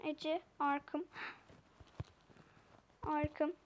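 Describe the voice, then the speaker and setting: Slow-talking high-voiced young woman gamer. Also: little pitch movement, lo-fi sound, slight background noise. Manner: playful, giggly, chatty with viewers. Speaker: gaming channel host. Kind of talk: casual gameplay commentary.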